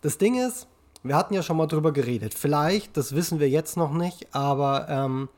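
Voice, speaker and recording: A man's voice: on the high side, darkish tone. Man co-hosting a chatty podcast. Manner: short encouraging replies, halting restarts. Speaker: podcast co-host. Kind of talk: casual chat.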